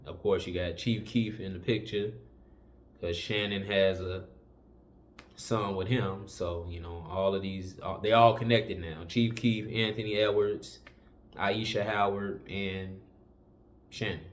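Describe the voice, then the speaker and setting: Male host, low-pitched, lecturing viewers in a relaxed, repetitive way. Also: measured pace, slight background noise. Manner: preachy, conversational, repeats warnings with many fillers. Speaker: commentary channel host. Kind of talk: casual opinion commentary.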